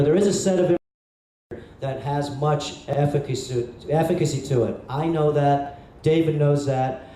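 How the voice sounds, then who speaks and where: A man giving a live lecture to an audience, animated and rhetorical, often asking the crowd questions. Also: a little high. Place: event hall. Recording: echoey hall from a distant mic, faint hiss.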